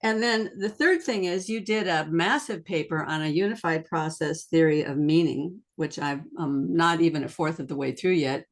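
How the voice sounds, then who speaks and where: A woman's voice: deep voice, normal speed, hardly any pauses. A woman hosting a conversational interview, effusive and enthusiastic as she introduces her guest. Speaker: podcast host.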